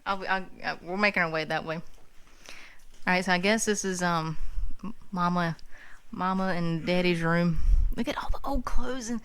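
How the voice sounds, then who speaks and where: Brief: excited woman vlogger on a handheld camera, gushing tour of a historic house, hot and sweaty. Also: lowish voice, normal speed, clean tone, rough recording. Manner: excited, gushing, lots of "like" and "oh my God". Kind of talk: walking tour vlog. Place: historic house museum, indoors.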